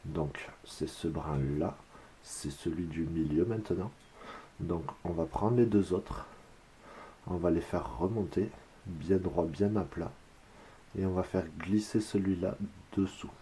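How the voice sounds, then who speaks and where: A man from France calmly explaining a craft step by step, counting his braiding moves aloud as he works. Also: low-pitched, measured pace, a little hiss or hum. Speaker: whip-making instructor.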